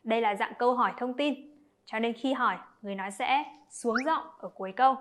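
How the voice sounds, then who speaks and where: A woman teacher walks young pupils through each example in a clear, explanatory way. Her voice is slightly high, and she speaks straight to the children as she breaks down every point. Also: quick pace, slight background noise. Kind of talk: explanatory lesson narration.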